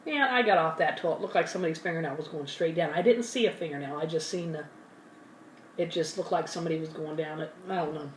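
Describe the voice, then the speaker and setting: Speaking fast in a low voice, a woman who hosts an ASMR channel rambles through a story while eating, now and then with her mouth full and correcting herself. The roomy recording is far from the mic, with faint ambience and a little hiss or hum.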